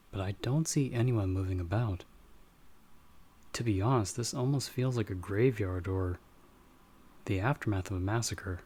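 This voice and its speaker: A man voices a guarded, magic-using investigator for an ASMR roleplay, sounding calm but wary and serious. He speaks patiently and instructively at a measured pace, pausing often, in a fairly low, husky voice.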